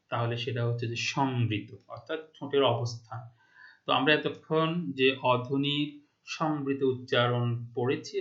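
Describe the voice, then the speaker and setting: A man's voice: mid-range voice, a bit bright, highs cut off. A man from Bangladesh, a Bengali teacher, giving a classroom lecture and often stopping to check that his students follow.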